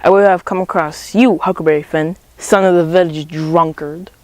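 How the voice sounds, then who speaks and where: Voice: medium pitch, fairly even intonation, moderate pace, a little mellow, no echo, lightly acted, rough recording. A student voicing Tom Sawyer, a bold boy retelling his adventures in a school character play. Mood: proud.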